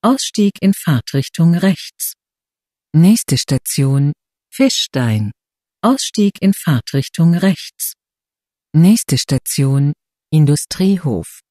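Slow, bright subway announcement voice. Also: mid-range voice, big pitch swings, no echo, clean studio sound. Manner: formal, measured, segmented phrasing. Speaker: transit announcer. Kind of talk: subway announcement, scripted station stops and transfers.

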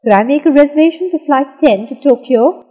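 A woman reading the lines of a scripted English lesson dialogue, slowly and with careful enunciation. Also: sits high, warm tone, long reverb tail, dull audio. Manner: slow, careful, clearly enunciated delivery.

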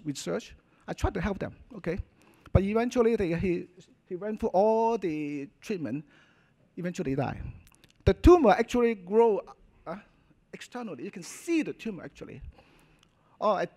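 His voice is high, creaky and a little mellow: a middle-aged Hong Kong Cantonese-accented man talking informally as a doctor at a conference. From a hotel function hall podium, he speaks emphatically in clipped phrases that end with tags like "okay?" and "you know."

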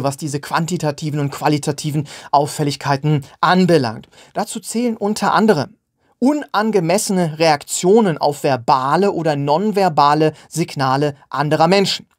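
A man explaining a topic in an educational video, earnest, with many hesitations and repeated words for emphasis. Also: on the high side. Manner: frequent hesitation fillers.

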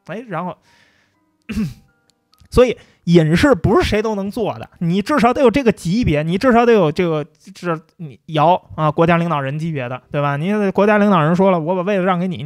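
Chatty high-voiced man. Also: a little mellow, no echo. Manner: chatty, jokey, colloquial. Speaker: livestream host. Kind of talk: casual philosophy talk.

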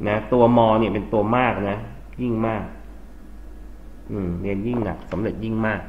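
A man's voice: on the low side, fairly even intonation, normal speed, muffled recording, slight background noise. A man with a Thai accent teaching an English grammar lesson for exam prep, explaining steadily and spelling words out letter by letter. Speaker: English tutor.

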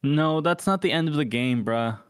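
A man's voice: a little high, moderate pace, clean tone. A man in a game voice chat, hyped up, swearing and calling out orders to his friends. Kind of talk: casual gaming chat.

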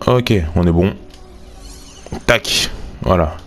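A young man casually commenting on a sports video game, thinking aloud and getting excited over pack openings. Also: low-pitched, slow pace, soft background music. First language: French. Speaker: gaming YouTuber.

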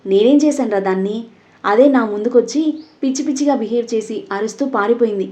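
A woman voicing a short-tempered young man who talks in a blunt, rough way. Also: fairly high pitch, fast talker, mellow, close to an everyday voice. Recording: dull lo-fi audio.

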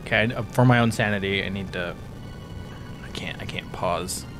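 A man's voice: sits low, normal speed, music in the background. A man co-hosting a let's play with casual, informal, sweary gaming commentary.

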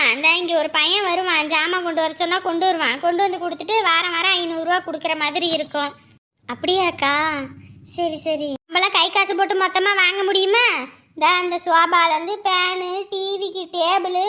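A woman's voice: very high voice, steady tone, moderate pace, bright, forceful tone. A woman, chatting and scolding in a neighbourly skit. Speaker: performer voicing village women. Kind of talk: village comedy skit dialogue.

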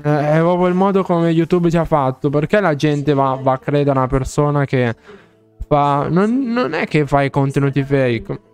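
A man streaming a game live, chatting casually with viewers, excitable and playfully pleading, often laughing. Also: on the high side, moderate pace, clear, resonant tone, faint music behind.

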